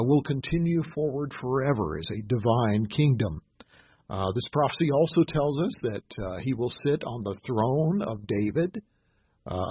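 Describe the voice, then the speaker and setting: Guy giving a sermon, lots of uh's, kinda husky voice, dull dry recording. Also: medium pitch, no room sound. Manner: halting, many "uh" fillers and restarts; reads scripture aloud slowly with emphasis. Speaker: pastor.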